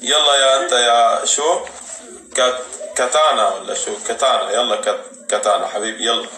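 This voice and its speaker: A man doing fast, teasing live game commentary while hosting custom rooms and cheering players on. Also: mid-range voice, steady tone, slight background noise. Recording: roomy, distant mic, loud music.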